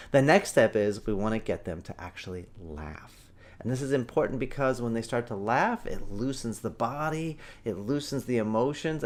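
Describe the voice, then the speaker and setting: A man in his thirties hosting a parenting show, giving emphatic, animated advice that swings between loud and hushed. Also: fairly low pitch. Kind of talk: energetic parenting advice talk.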